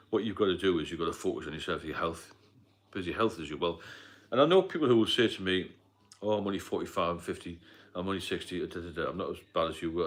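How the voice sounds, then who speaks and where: His voice sits low with a fairly bright tone. The middle-aged British host, a sobriety mentor, wanders through a casual live stream on staying sober, coughing and using fillers often.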